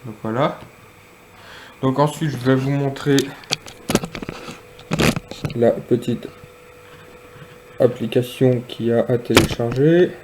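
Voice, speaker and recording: A man's voice: mid-range voice, background noise. Hesitant man demonstrating gear. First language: French. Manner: hesitant, many pauses and fillers. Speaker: product reviewer. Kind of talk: casual product demonstration.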